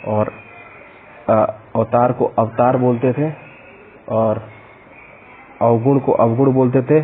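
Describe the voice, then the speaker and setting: A tinny, narrow-band lo-fi recording with a little hiss or hum captures a man with a mid-range voice and North Indian Hindi accent. He teaches exam vocabulary in Hindi, rapidly listing synonyms and word pairs and breaking off now and then to explain.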